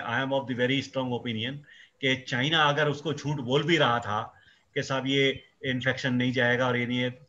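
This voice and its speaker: A man's voice: mid-range voice, pushed and bright. A male microbiology professor explaining at length in an interview, emphatic and mixing in English phrases. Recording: dull lo-fi sound.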